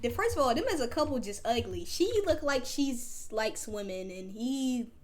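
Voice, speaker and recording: A woman's voice: a little high, animated, moderate pace, noisy background. A woman streamer giving casual reaction commentary in a blunt, mocking manner.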